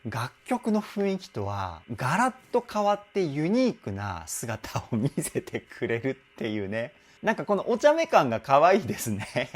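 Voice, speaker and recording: A man working as a vocal coach, explaining a singer's technique in an animated, enthusiastic way. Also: mid-range voice, normal speed, hardly any pauses. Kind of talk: song reaction and vocal analysis. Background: faint music from the song being analyzed.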